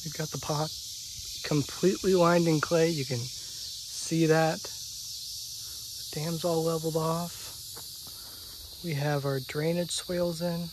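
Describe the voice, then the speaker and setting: A young man with a slightly high voice talks earnestly through a pond rebuild, pausing and repeating words as he works out his explanation. He records himself outdoors on a phone held at arm's length at a dirt work site, with heavy machinery clearly audible behind him. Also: steady tone, noisy background. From Oklahoma. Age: young adult. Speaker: pond builder. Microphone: handheld phone camera at arm's length.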